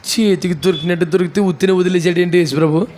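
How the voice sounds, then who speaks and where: Male pastor, high voice, dramatic sermon storytelling, rhetorical questions. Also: steady tone, fast talker, darkish tone, slight background noise. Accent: Telugu. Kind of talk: Telugu sermon with acted Bible scenes.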